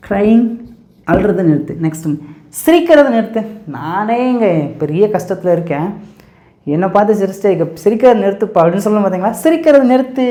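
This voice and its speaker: Woman, English teacher, casual drilling, higher voice, roomy echo. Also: a little mellow. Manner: repetitive, drilling with quick questions and answers. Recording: echoey room.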